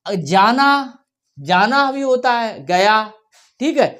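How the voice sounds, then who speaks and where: A woman teaching a children's workbook lesson, reading words slowly and repeating them for the class to follow, often checking in as she goes. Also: on the high side, animated, fairly bright tone. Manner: slow, repeats words for children to read along; checks in often with "theek hai". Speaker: primary school teacher.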